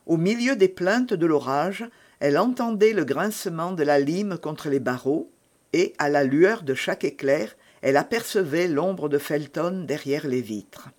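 Slow, dramatic male narrator of a classic novel. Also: fairly high pitch, animated. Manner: measured, dramatic.

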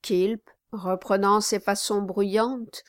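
A woman narrating a classic novel in a measured, even storytelling manner. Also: medium pitch, no room sound, studio quality. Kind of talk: audiobook narration.

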